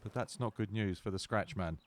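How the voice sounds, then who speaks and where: A man's voice: on the low side, fairly quick. A man giving wry golf commentary with dry, playful understatement.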